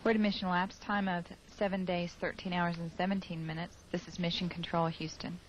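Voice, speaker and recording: A woman giving live spaceflight commentary over a mission control broadcast, measured and halting with fillers. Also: on the low side, flat delivery. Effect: radio-style mission control broadcast. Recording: dull lo-fi broadcast with faint hiss.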